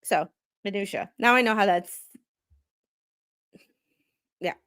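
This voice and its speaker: Reading legal filings haltingly on her livestream, a non-lawyer commentator chats about them in a loose, self-deprecating style. Her mid-range voice is a little bright, with a clean tone.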